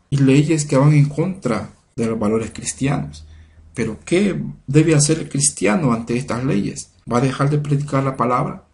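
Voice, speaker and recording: A man giving a sermon-style Bible lesson in an earnest, measured way, building his points through repeated phrases. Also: mid-range voice, gravelly, darkish tone. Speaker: Bible study teacher.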